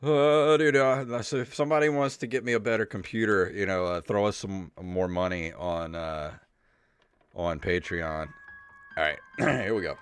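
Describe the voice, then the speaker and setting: With a deep, smooth voice and fairly even intonation, a middle-aged podcast host chats casually at normal speed and reads aloud on his comedy show. He is rambling, sweary and mildly exasperated. The recording is dry, with royalty-free synthesizer music underneath.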